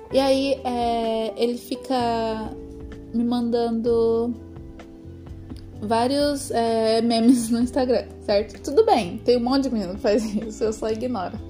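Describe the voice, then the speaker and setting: A woman in her twenties talking through a rambling, hesitant, confessional personal vlog with lots of fillers. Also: on the high side. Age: 20s. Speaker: vlogger. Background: background music.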